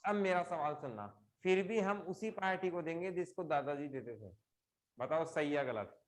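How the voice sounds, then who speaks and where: A middle-aged man, somewhat high in pitch, teaches a live online class through a computer or phone mic. He explains patiently, goes back over the same homely examples and keeps turning to his students with questions. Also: moderate pace.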